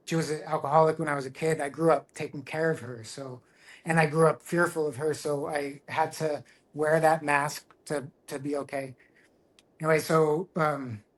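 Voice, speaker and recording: Middle-aged guy opening up on a podcast, earnest, bit of a higher voice, keeps restarting his sentences. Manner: earnest and reflective, with halting restarts. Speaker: guest, tattoo artist. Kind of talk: candid personal storytelling.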